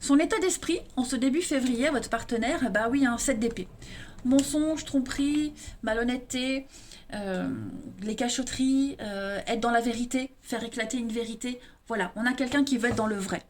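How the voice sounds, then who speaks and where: An eastern French-accented woman gives viewers their monthly tarot reading, speaking to them directly and frequently adding "hein" at the end of sentences. Her voice leans high, her speed is normal, and a faint hiss or hum runs underneath.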